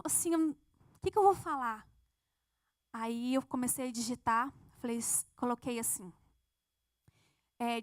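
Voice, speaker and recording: A woman's voice: high-pitched, no echo, clean studio sound. A woman telling a testimony in church, earnestly acting out her prayers. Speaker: church member giving a testimony. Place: church sanctuary.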